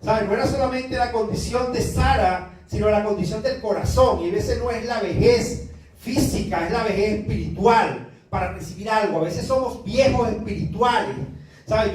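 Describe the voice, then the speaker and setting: A male pastor with a high-sitting, darkish voice preaches a sermon and reads from the Bible. He speaks earnestly, asking the congregation "you know?" ("¿sabe?") again and again, and the recording is very echoey, with his voice far from the mic.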